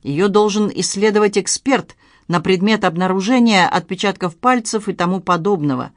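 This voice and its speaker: A reader voicing a curt, suspicious police major questioning witnesses in an audiobook. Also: male voice, high voice, moderate pace, dry recording, studio quality, close to an everyday voice. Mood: stern. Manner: curt, official, distrustful. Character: stern, suspicious police major, middle-aged man.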